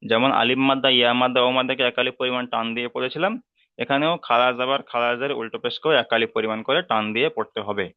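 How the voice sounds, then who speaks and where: A man with a Bengali accent teaching a slow, step-by-step reading lesson, patiently repeating each term and drawing out each sound. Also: mid-range voice, steady tone, smooth, no echo, phone-quality sound.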